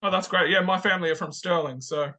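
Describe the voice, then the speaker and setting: A man hosts an interview show, upbeat and affirming as he leads his guest. His voice is bright and crisp, pitched a little high for a man. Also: fairly even intonation, fast, muffled recording. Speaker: podcast host. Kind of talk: interview hosting.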